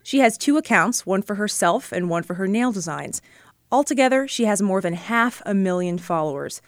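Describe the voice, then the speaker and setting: A woman reporter giving measured, scripted narration for a radio feature story. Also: mid-range voice, expressive, no echo.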